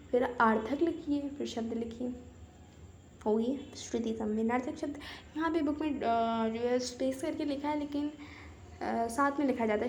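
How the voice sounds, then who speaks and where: A woman with a high, light voice teaches a grammar lesson, reading out word after word with its meaning. She stops to explain with simple everyday sentences and draws out each pair slowly so it can be followed. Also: a little mellow, slight background noise.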